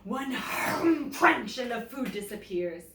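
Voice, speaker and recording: A teacher reads a picture-book story to children with animation, her slow, deliberate delivery full of lively pitch swings. The mic sits a little far off, so the sound is roomy with a faint hiss.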